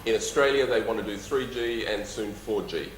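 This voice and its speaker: A male company executive who has a lisp presents and responds to audience questions in a jovial, emphatic, dryly humorous way. He speaks at a normal pace in a lowish voice. The recording has a roomy echo, faint background noise and soft music in the background.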